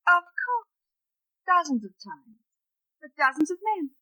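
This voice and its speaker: Julia, bold, bright young rebel. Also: female voice, high-pitched, sing-song, heavily acted, poor audio. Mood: playful, confiding.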